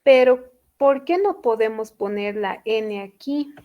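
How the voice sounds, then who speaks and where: A woman gives a classroom lesson at a slow, careful pace. Her voice sits slightly high, and she repeats each point patiently, checking often that her students are following. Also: lively intonation, lo-fi sound. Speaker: English teacher.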